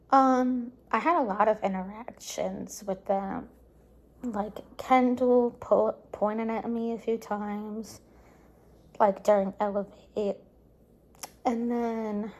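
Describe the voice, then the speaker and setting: A woman talks to her camera at home in a loose, rambling vlog, piling on "like" and "um" as she gushes. She sounds tired, and her voice sits at a plain middle pitch. Every so often she sinks into a soft near-whisper before picking up again. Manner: gushing, many "like" and "um" fillers; soft, drops into quiet near-whispers at times. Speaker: vlogger. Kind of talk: casual recap vlog to camera.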